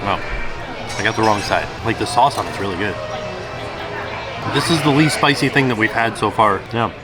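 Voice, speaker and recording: A man's voice: lowish voice, moderate pace. A man chatting casually and enthusiastically as he vlogs a food and merch review. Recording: loud music and busy outdoor crowd behind. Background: loud music, crowd.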